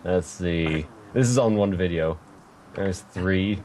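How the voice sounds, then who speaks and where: Low-voiced man hosting a podcast. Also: slow pace, darkish tone. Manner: rambling, self-correcting, light laughter. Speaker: podcast host. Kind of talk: casual interview chat.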